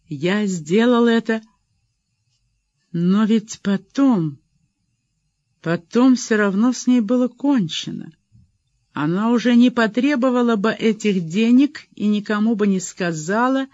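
A man's voice: high-pitched, lively intonation, a little slow, pauses often, no room sound, dull audio, pitched above the performer's own voice. A man reading an audiobook, voicing a frightened, guilty man pleading and apologizing to his boss. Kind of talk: audiobook character voice.

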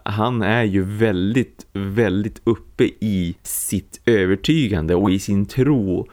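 A man with a low voice, co-hosting a podcast. He explains scenes at a measured pace and stretches his words as he thinks. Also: a little mellow. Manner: measured, drawn-out explaining, laughs easily. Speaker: podcast co-host. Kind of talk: casual film discussion.

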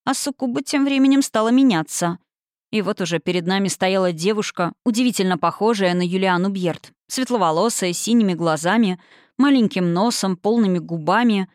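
A woman narrating a fantasy audiobook in a steady, even reading. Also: medium pitch, a little fast, dry recording, clean studio sound. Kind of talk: scripted narration.

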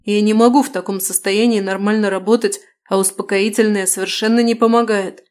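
A woman's voice: mid-range voice, steady tone, a little fast, a little mellow, close to an everyday voice. Woman reading an agitated male doctor. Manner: agitated, pleading. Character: anxious 37-year-old male doctor, usually composed. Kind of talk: audiobook dialogue reading.

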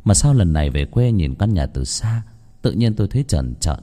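A man narrating a first-person ghost story with a lively, dramatic telling. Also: sits low, normal speed.

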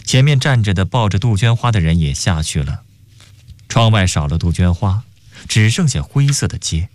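A man reading a story aloud for radio in an expressive scripted narration. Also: on the low side, moderate pace, no room sound. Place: radio studio.

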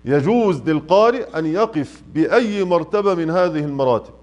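A man's voice: on the high side, lively intonation, brisk, darkish tone. A man with an Egyptian Arabic accent teaching a tajweed lesson in a mosque, stretching out his examples and quizzing students. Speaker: Quran recitation teacher. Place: mosque classroom.

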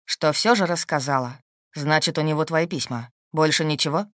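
A woman reading an audiobook, voicing a calm, shrewd and protective husband in a steady, dry, matter-of-fact way. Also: low-pitched, moderate pace, dry recording, voice pushed down, lightly acted. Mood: calm, firm. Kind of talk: audiobook character voice.

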